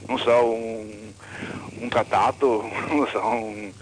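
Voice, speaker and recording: Male radio caller, fairly low voice, rambling, rhetorical questions, opinionated, noisy phone line. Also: steady tone, takes it slowly. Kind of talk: casual opinionated phone-in talk.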